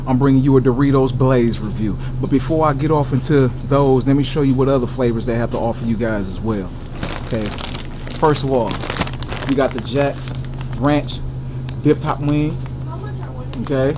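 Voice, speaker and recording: A man's voice: mid-range voice, moderate pace, background noise. An American man hosting a casual, enthusiastic food review, addressing viewers directly with catchphrases and answering his own questions.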